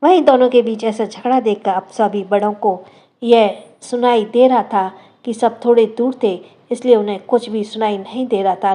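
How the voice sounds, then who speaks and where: A woman's voice: on the high side, mellow. Woman narrating a dramatic audio story.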